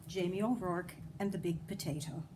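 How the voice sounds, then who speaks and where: Against a noisy background, a woman with a lowish voice narrates a children's folktale at a moderate pace. Her read-aloud is expressive, with dramatic emphasis and little comments to the listeners.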